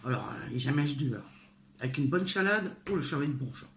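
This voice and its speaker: A woman's voice: a bass voice, lively intonation, fast talker, creaky, slight background noise. Chatty older woman cooking in an echoey kitchen. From northern France. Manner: chatty and homely, hesitant with many fillers, talks straight to the viewer. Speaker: home cook. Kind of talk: casual cooking tutorial. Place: home kitchen. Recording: echoey kitchen with clattering dishes. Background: clinking cutlery, pots and dishes.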